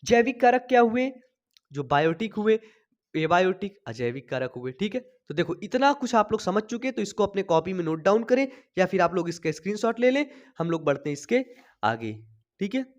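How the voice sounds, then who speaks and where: A young man teaching a biology class in from a small home studio, talking slowly after a cough and checking in with his students all the time. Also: high-pitched, big pitch swings, highs cut off. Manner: chatty, checks in constantly with "thik hai". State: recovering from a cough, speaking slowly. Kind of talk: online class lecture. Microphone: sensitive desk mic.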